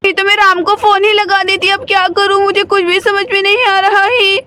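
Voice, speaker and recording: A woman's voice: extremely high pitch, little pitch movement, moderate pace, bright, forceful tone, slight background noise. A woman voicing a caring young mother doll who frets and keeps asking what she should do, in a doll play story. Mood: anxious.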